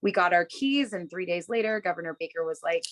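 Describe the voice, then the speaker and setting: A Massachusetts bookstore owner in her thirties answers interview questions over a video call from a room in her home. Her voice sits on the low side with lively intonation and a brisk pace, and she comes across casual and upbeat, using plenty of fillers.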